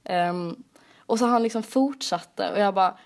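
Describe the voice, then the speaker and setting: A young woman co-hosts a casual podcast, telling a long story with plenty of filler words. Her voice sits at a middle pitch, and she talks easily between pauses. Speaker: podcast co-host.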